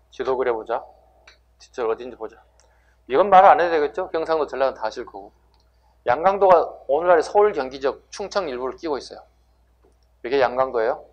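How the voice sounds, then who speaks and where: A man's voice: mid-range voice, lo-fi sound. Emphatic man lecturing a class. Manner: rhetorical questions, answering himself, emphatic. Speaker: civil service exam history lecturer.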